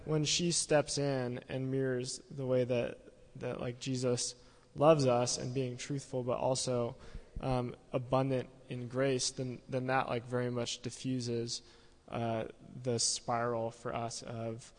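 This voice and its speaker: A man's voice: medium pitch, level tone, slow pace. Candid, reflective man in a hall. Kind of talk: casual conversation. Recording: long hall reverb.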